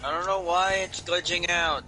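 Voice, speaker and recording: A man's voice: high-pitched, fairly even intonation, normal speed. A man in casual gaming chat whose mic keeps glitching and cutting out, swearing loosely as he plays. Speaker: gamer streaming with friends. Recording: crackly cutting-out voice chat with noise.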